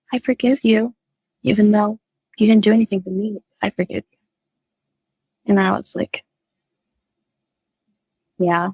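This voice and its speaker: A woman recounts her own faith journey as a podcast guest. She talks slowly, with a gravelly edge. She is earnest and halting, and her voice sounds dry and close to the mic. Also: medium pitch, no room sound, poor audio. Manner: halting, earnest, many fillers and restarts. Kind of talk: personal faith testimony, casual storytelling.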